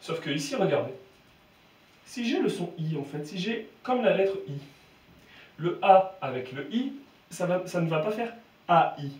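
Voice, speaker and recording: A man teaching a reading lesson, slow and emphatic, repeating sounds for the learners. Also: sits high, lively intonation, a little mellow, reverberant, far from the mic.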